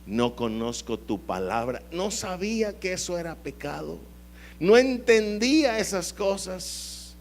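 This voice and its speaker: A man, preaching a sermon and drawing answers from the congregation, at times rising into a high, pleading voice. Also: sing-song, measured pace. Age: 50s. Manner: call-and-response with the congregation; dramatic swings into high pleading voice. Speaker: pastor.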